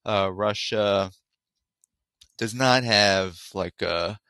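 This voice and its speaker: Male call-in podcast host; bright, lowish voice, dry sound, loose unscripted delivery. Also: extremely slow, clear, resonant tone, no room sound. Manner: casual, thinking aloud with fillers.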